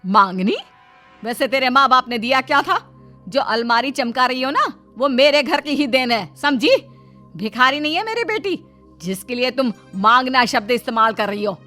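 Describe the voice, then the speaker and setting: Sharp-tongued stern mother-in-law. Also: on the high side, very animated, unhurried, soft background music. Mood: scolding. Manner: scolding, cutting retorts. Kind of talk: animated story voice acting.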